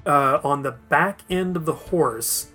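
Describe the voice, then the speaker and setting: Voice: medium pitch, slow pace, pushed and bright, husky, soft background music. A game master running a tabletop role-playing session, narrating the action and laughing often.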